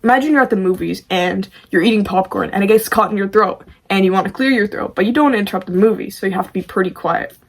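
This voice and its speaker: Female amateur vocalist as tutorial host: informal, self-deprecating, medium-pitched, conversational delivery. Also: fast talker, hardly any pauses. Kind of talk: casual video tutorial.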